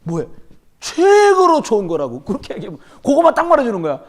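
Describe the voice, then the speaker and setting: A man's voice: very high-pitched, fast talker. A man, a pastor, preaching a sermon in church at a midweek service, talking emphatically and telling stories with humor. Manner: animated, emphatic, storytelling with humor.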